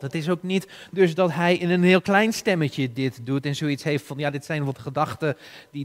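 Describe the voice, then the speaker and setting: A man preaching a sermon in an earnest, slow way, often restarting and rising for emphasis. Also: a little high. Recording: long hall reverb.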